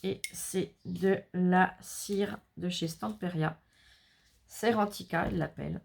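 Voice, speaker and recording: A woman's voice: on the low side, slow pace, vocal fry. A woman chatting casually and rambling through a crafts haul, with self-mocking asides. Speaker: crafts vlogger.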